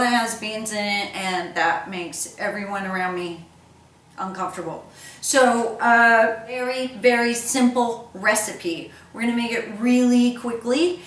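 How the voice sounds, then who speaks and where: A woman's voice: on the high side, a bit bright. Chatty woman cooking host in an echoey room. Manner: chatty, rambling, playful, theatrical exclamations. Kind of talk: casual recipe demonstration to viewers. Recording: echoey room, distant mic, background noise.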